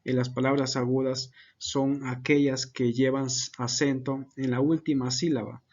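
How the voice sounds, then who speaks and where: A man's voice: mid-range voice, little pitch movement, normal speed, a little mellow, highs cut off. A man giving an unscripted class presentation, hesitant, with many fillers and self-corrections. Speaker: student presenter.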